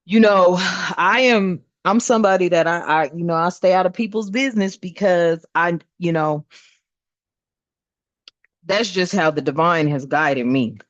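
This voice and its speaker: A woman's voice: lowish voice, a little slow, dry recording. A woman giving a casual spiritual tarot reading, talking bluntly and emphatically and swearing often. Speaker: tarot reader. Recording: dull lo-fi dry sound.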